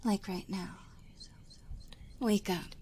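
A woman whispering a slow, soothing hypnosis session, guiding breathing and counting. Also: medium pitch, steady tone, heavy background noise.

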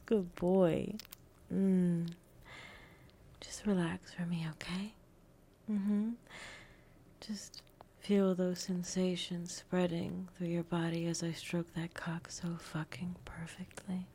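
Slow, husky whispering woman. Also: fairly low pitch. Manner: breathy whispering, teasing, dominant; soft frequent chuckles. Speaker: audio roleplay performer. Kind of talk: whispered adult audio roleplay.

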